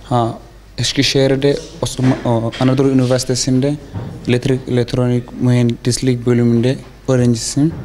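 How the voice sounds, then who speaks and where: A young man from South Sudan with a South Sudanese accent gives interview answers haltingly, in the broken Turkish of a non-native learner. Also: mid-range voice, flat delivery, darkish tone, slight background noise. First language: not Turkish. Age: young adult. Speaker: foreign student being interviewed.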